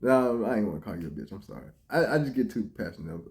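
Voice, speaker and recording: A man doing reaction commentary on clips, talking casually with profanity and swinging between low mutters and loud outbursts. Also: sing-song, fast, creaky.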